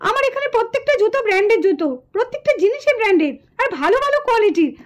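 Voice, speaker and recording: Puppet show: woman as a very high, rapid, indignant woman shopkeeper. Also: sing-song. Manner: shrill, accusing, complaining. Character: loud indignant woman shoe-shop keeper.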